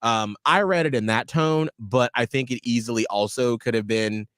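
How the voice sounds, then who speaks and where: A man's voice: mid-range voice, moderate pace, fairly bright tone, smooth, no echo, clean studio sound. Earnest, reflective male radio host. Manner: earnest, reflective, talks in long run-on thoughts. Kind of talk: casual radio show chat.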